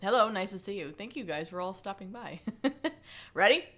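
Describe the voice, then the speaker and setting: A woman hosts a casual livestream, reading a book aloud in mocking, dramatic fashion while chatting playfully, swearing, and frequently breaking off into asides. Her medium-pitched voice is lively and at normal speed, with a noisy background.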